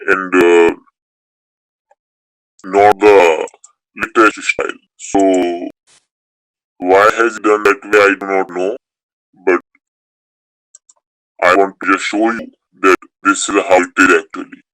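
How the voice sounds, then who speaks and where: A man's voice: sits low, little pitch movement, slow, pauses often, a bit bright, no echo, low-quality recording. A man teaching a beginners' Sanskrit class, explaining rules step by step and repeating key points. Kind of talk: online class lecture.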